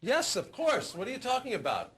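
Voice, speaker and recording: A man's voice: extremely high pitch, wildly swooping pitch, fairly quick, fairly bright tone, full character voice. An actor playing a lazy, defensive husband in a sitcom who protests against his wife's nagging. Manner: whiny and defensive. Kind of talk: sitcom acting.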